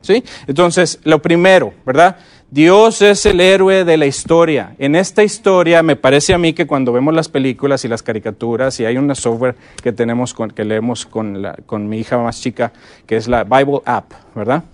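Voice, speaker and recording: A middle-aged man giving a conference lecture on teaching Bible stories, often checking in with his audience and slowing down to stress key words. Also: medium pitch. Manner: lively, asks the audience frequent check-in questions.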